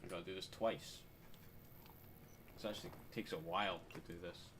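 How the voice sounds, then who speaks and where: A man's voice: sits low, fairly even intonation, moderate pace. A man doing casual gameplay commentary, muttering to himself and swearing freely. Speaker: gamer. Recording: clear game noise behind voice.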